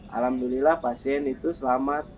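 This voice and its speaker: A man's voice: medium pitch, steady tone, a little fast, a loud crowd, low-quality recording. A man who works as an ambulance driver and relief volunteer, telling earnest stories in a podcast interview with many hesitations.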